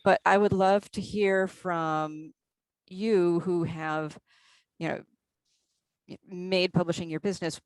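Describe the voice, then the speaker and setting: A woman moderating a panel discussion, courteous and measured, with some hesitant fillers. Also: fairly low pitch, steady tone, darkish tone, clear, resonant tone, no room sound, poor audio.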